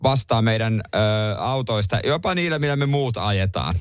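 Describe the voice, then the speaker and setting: A man hosting a morning radio show, telling a story in a casual, animated way. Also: clear, resonant tone, no room sound, studio quality. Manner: animated storytelling, swings pitch up when retelling. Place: radio studio. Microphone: studio microphone.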